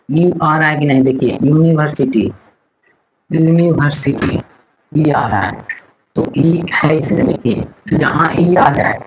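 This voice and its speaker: A man's voice: fairly high pitch, highs cut off, background noise. A man teaching an English grammar lesson, repeating words and letters and asking the class questions. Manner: slow, repeats words and letters aloud, asks questions to students.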